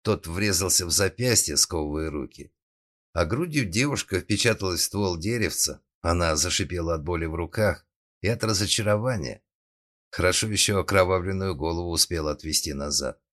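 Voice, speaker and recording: A man reading a thriller audiobook as narrator, in a steady dramatic tone. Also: low-pitched, fairly quick. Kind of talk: scripted narration.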